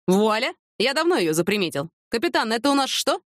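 A woman's voice: on the high side, big pitch swings, a little fast, dry recording, studio quality, pitched above the performer's own voice. A woman voicing a mocking, sarcastic middle-aged police lieutenant colonel in an audiobook. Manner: sarcastic, teasing.

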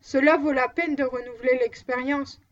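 A woman's voice: high voice, steady tone, moderate pace, close to an everyday voice. A woman reading the part of a blunt, stubborn male dog handler in an audiobook, on a dull lo-fi recording.

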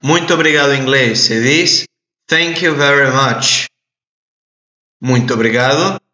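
A man teaching English in a recorded audio lesson, repeating phrases slowly and clearly for learners to translate. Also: mid-range voice, sharp tone. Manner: slow, deliberate drilling with repeated phrases. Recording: echoey, dull lo-fi audio.

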